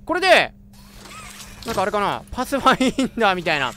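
Male gamer, high bouncy voice, excitable and chatty live reactions. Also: fast talker, slight background noise. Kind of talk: let's play commentary.

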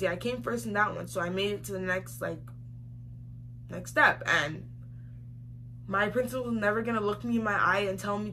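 A young adult woman speaks in a mid-range voice that sounds pushed and bright. As a vlogger seated facing the camera in a small indoor room, she tells a story casually, with emphasis and slang and phrases repeated for effect. The home recording is clearly noisy.

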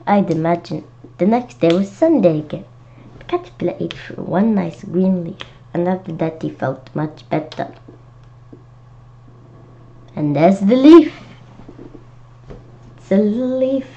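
Her voice sits fairly low and sounds dark as she reads from a children's storybook, breaking in with simple, chatty asides like a child might make. Noise is noticeable throughout this dull, lo-fi home recording.

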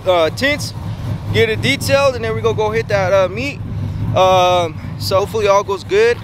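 A man in his twenties chatting casually to a vlog camera, slangy and sweary with lots of hesitant pauses, recorded on a handheld camera. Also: high-pitched. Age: 20s. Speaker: vlogger. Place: outdoors and inside a moving truck. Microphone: handheld camera at arm's length. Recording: loud vehicle and outdoor noise.

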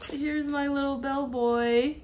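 A chatty young woman with a slightly high voice, talking casually into a camera mic in a hotel room. She giggles and fills her speech with fillers. Faint background noise sits under the voice. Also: fairly even intonation, takes it slowly, a little mellow. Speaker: travel vlogger. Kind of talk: casual chat.

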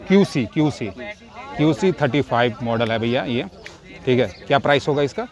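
A man walks viewers through a busy street stall with a phone camera in hand, echoing every price the seller gives. His voice sits at an ordinary middle pitch and is recorded outdoors, with a crowd murmuring behind him. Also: animated, brisk. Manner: echoes each price back, says "bhaiya" often. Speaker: vlogger. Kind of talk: casual market walkthrough, repeating prices for viewers. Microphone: handheld phone camera.

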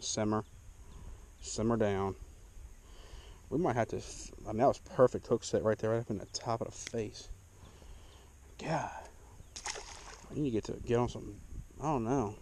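A young fishing vlogger jokes at his own expense while fishing from a small boat on a lake, his lowish, slightly mellow voice caught by an action camera mic with a little hiss or hum. The mood is relaxed, easygoing banter.

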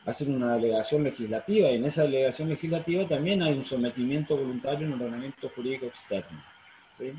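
A man's voice: mid-range voice, fast, warm tone. A middle-aged man with an Argentine accent, a law professor giving an online class, explaining at length with fillers and self-corrections. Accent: Argentine Spanish. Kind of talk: online university lecture. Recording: roomy sound, faint noise.

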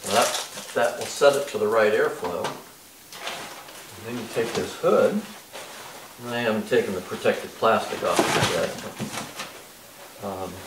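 An older man giving a casual, halting hands-on product demo in a workshop, with plenty of fillers as he explains each part. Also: lowish voice. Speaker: DIY car restoration vlogger. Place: large bare-walled workshop indoors. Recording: echoey workshop, distant mic, faint noise.

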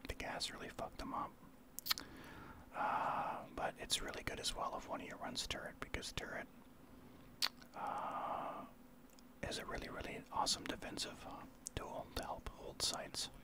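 A man delivers ASMR gameplay commentary entirely in a hushed, breathy whisper. He is from Saskatchewan, Canada, and explains the match informally, like a streamer guiding newer players. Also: moderate pace. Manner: explanatory, informal gamer talk. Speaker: streamer, ASMR channel host.

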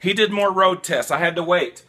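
A man, giving casual trucking advice to camera in an animated way, stopping and restarting often, in a small room at home. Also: high voice, normal speed. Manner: animated, gestures a lot, repeats and restarts. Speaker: vlogger, new truck driver.

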